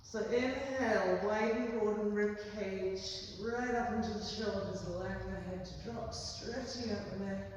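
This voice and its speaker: Female yoga teacher, gentle instructive delivery with frequent "okay?" check-ins, heard from a distance in a very echoey room. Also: mid-range voice, measured pace, hardly any pauses, highs cut off. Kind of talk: guided yoga class instruction. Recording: very echoey room, voice far from mic, faint background noise.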